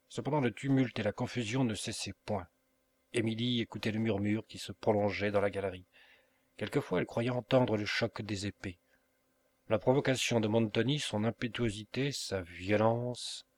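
A man reads a classic novel as an audiobook, measured and unhurried. He takes deliberate pauses between phrases. His voice sits on the low side. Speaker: audiobook reader. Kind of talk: scripted narration of a novel.

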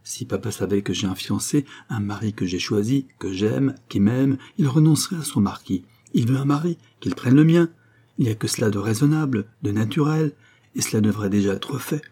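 A man's voice: mid-range voice, fairly quick, mellow, husky. A man reading a storybook, voicing a passionate, headstrong young woman in love, pleading and exclamatory.

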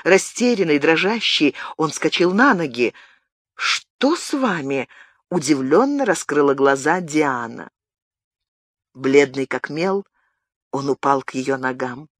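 An audiobook narrator reading a romantic novel in a measured, expressive way at a close studio microphone. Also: medium pitch, no echo. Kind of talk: scripted literary narration.

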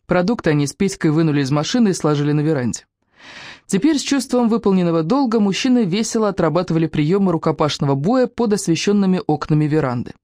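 A woman narrating a romance novel audiobook with a lively, expressive reading. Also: lowish voice, no room sound, studio quality. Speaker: audiobook reader.

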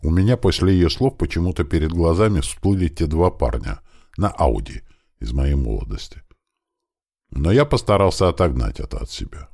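A man's voice: low voice, animated, normal speed, creaky, a little mellow, breathy edge, dry recording, studio quality. A man narrating a first-person audiobook, telling it with tension. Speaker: audiobook reader.

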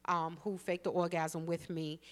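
A woman co-hosting a talk radio show, candid and storytelling, with deadpan asides. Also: fairly low pitch, moderate pace. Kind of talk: casual frank chat.

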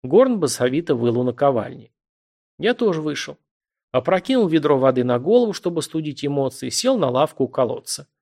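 Expressive man narrating an audiobook. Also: on the high side, brisk, creaky. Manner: vivid, expressive reading. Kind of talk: first-person audiobook narration.

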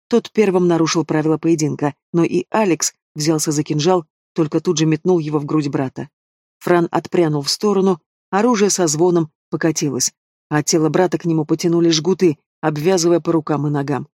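A man narrates an audiobook in a fairly high voice, recorded dry and close with no room sound. He reads the dialogue without much change of character. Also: fairly quick, a little mellow, no room sound. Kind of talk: scripted narration.

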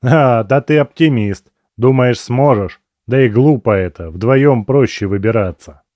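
A crude, irritable man trapped in a cell, all scorn and swearing, as a male audiobook reader puts him on. He sounds a touch higher and louder than the narration, in a dark voice that sits dry and close to the mic. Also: unhurried, no echo, lightly acted. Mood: scornful. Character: crude, irritable male captive nicknamed the dentist.

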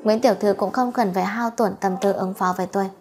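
A woman voicing a courteous young man who teases softly and hides a dangerous streak. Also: mid-range voice, steady tone, fast talker, soft background music, natural voice. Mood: gentle teasing. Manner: gentle, teasing, soothing.

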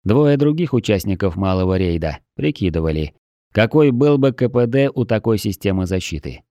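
A man reading a fantasy audiobook aloud in a measured storytelling manner, close to the mic. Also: lowish voice, sing-song, dark tone, no room sound. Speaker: audiobook narrator. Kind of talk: scripted narration.

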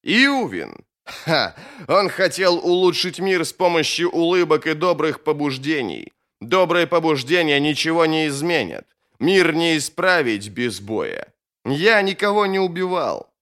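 A man's voice: on the high side, big pitch swings, measured pace, a bit bright, pitched above the performer's own voice, exaggerated voice. A man reading an audiobook, voicing a ruthless, scornful old wizard with emphatic, raised delivery.

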